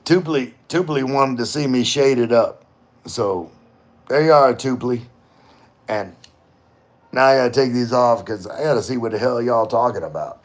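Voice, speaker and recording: This middle-aged host runs a casual livestream, reading comments from his audience and responding in an informal, meandering way that includes some swearing. His voice is medium-pitched and moves at a moderate pace.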